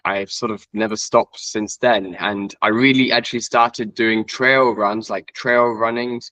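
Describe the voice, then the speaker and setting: A man's voice: on the low side, steady tone, unhurried, bright, forceful tone, no echo, rough recording. A man in his twenties from Iceland, a guest trail runner chatting casually in an interview, rambling with many fillers and self-corrections. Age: 20s.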